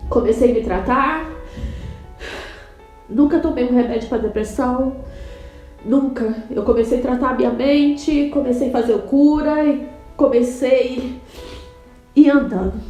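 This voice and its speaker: A woman from Brazil sharing an emotional, halting personal testimony in a church. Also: sits high, mellow, roomy sound, lo-fi sound. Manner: emotional, halting, tearful at times. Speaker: church member giving testimony.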